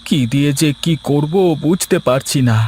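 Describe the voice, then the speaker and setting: A man voicing a poor, gentle village father in a cartoon, anxious and pleading. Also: a little high, moderate pace, slight background noise, lightly acted. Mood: worried. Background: faint music.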